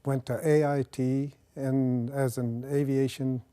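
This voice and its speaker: A retired army officer from Nebraska, now older, answers interview questions about his service in a plain, measured, easygoing way, often pausing with small fillers. His warm, mellow voice sits at a middle pitch with a clean tone and little pitch movement. He's in a quiet studio against a dark backdrop, wearing a lapel mic.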